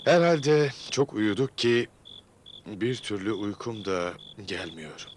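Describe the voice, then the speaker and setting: A man's voice: on the low side, expressive, slow pace, a little hiss or hum. A man playing a respectful, questioning companion in a period drama. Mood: concerned.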